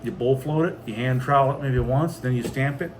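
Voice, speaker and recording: Reading out viewer comments and chatting casually, this American homestead vlogger speaks fairly quickly at a medium pitch. A steady background noise runs under the audio.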